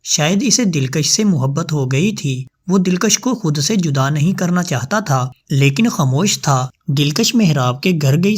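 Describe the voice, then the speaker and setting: A man's voice: a little high, slightly rough. A man narrating an emotional love story as a storyteller, in a melodramatic, sorrowful manner.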